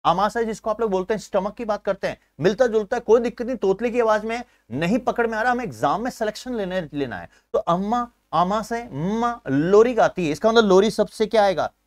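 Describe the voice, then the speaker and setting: A man teaching an exam-prep science class, energetic, building memory tricks and calling viewers his friends. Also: sits high, quick pace, few pauses, no echo, studio quality. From India. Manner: energetic, uses memory tricks and asks himself questions; keeps addressing viewers as friends.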